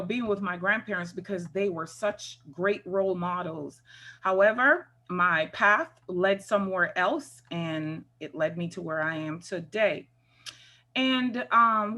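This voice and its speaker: A woman's voice: mid-range voice, pushed and bright. A woman from Jamaica with a Jamaican accent, a retired first sergeant giving conversational remarks on a video call, often filling with "you know" and "um". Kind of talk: virtual conference remarks.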